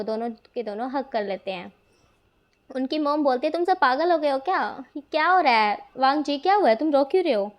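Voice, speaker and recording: A woman narrates a romance fan story in a loose, conversational way. Her voice sits high, and she peppers the telling with fillers. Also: darkish tone. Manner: chatty, with frequent fillers. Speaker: fanfiction reader.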